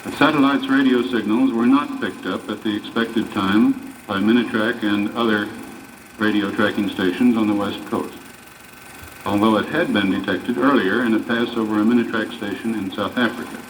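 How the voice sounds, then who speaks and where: A man giving a formal announcement in a measured, official reading, heard as old newsreel archive sound. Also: lowish voice. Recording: distant, hissy 1950s newsreel recording.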